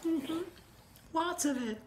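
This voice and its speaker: A woman's voice: extremely high pitch, slow pace. A woman hosting a casual food vlog, chatting in a folksy way while eating soup. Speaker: mukbang host. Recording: noisy home video with clattering dishes.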